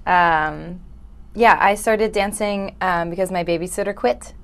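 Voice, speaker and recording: Relaxed lower-voiced woman dancer. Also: measured pace. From New Jersey. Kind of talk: interview answers.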